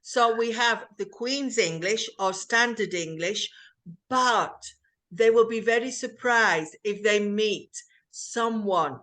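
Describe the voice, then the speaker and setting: A woman hosting an English conversation lesson, explaining earnestly and deliberately. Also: medium pitch, pushed and bright. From north. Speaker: host and English teacher.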